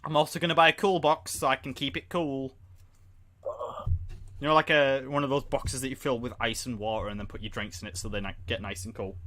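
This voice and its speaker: Young guy rambling on a live stream podcast, bright tense voice, talks over his mate. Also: medium pitch, steady tone, fairly quick. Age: young adult. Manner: rambling, chatty, talks over the other speaker. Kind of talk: casual chat on a live stream.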